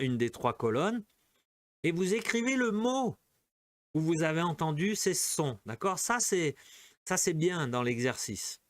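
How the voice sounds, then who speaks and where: A man teaching an online French class, slowly explaining an exercise and often checking in with his students. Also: medium pitch, dry recording. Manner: slow, keeps checking in with "d'accord?" and "ok?".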